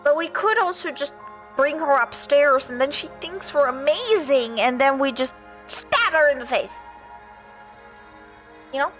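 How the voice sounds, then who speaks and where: Female game streamer: high, bright, slow-paced, expressive and sweary casual commentary. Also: rough recording. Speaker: livestreamer. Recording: game music behind the voice.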